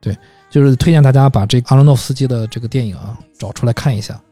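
A man's voice: mid-range voice, very fast, warm tone, no room sound, faint music behind. A man hosting a casual podcast about films, talking in thoughtful, rambling runs with hesitations. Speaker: podcast host. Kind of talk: casual film discussion.

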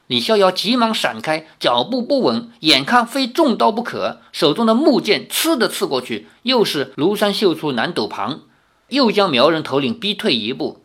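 A woman reading a novel aloud, expressive, with casual asides to her listeners. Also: on the low side. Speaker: storyteller.

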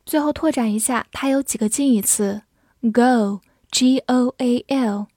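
A woman teaching English vocabulary, spelling out words and reading example sentences slowly and carefully. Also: a little high, warm tone, no room sound, studio quality. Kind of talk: vocabulary lesson.

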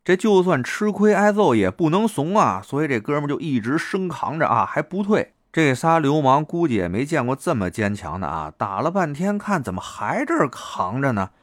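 Lively storyteller, man. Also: a little high, moderate pace, hardly any pauses, dry recording, studio quality. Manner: lively, chatty, heavy erhua. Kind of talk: colloquial storytelling monologue.

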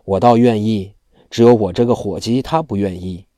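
A sneering young bandit swordsman with a cold, cocky edge, read by a man. The voice sits low and mellow, close and dry, like a storyteller leaning into the villain. Every line drips with mockery and pride. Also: normal speed, no room sound, natural voice. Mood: cold, boastful. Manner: mocking and boastful.

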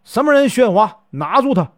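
A man's voice: extremely high pitch, sing-song, moderate pace, no echo, clean studio sound, voice pushed up. A man playing a stern county magistrate in a folk tale, scolding and giving orders. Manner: scolding, commanding. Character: stern middle-aged male county magistrate.

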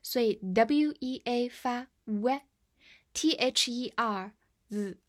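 Slow-paced female English teacher. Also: on the high side. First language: Chinese. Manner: spells words letter by letter and reads example sentences very slowly for repetition. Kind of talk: vocabulary lesson, spelling words and reading example sentences slowly.

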